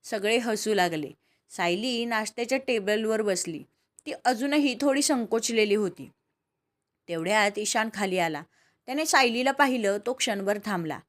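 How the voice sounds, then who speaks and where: Brief: steady, calm woman narrating a family drama. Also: mid-range voice, normal speed. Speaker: storyteller. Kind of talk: scripted story narration.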